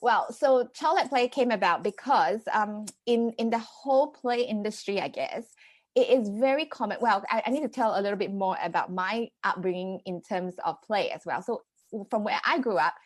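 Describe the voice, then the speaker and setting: A parenting coach from Singapore, in her thirties, guests on a conversational podcast interview and explains her thinking earnestly. Her medium-pitched voice moves at a moderate pace, with frequent fillers and restarts, and there's no echo.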